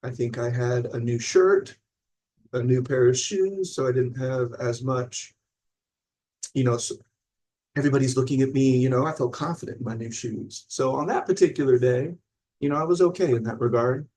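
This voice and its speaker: With a warm, medium-pitched voice at normal speed, a man in his forties from Illinois teaches mindfulness during a live-streamed talk. He reads viewer comments and keeps things rambling and conversational, often checking in with his listeners.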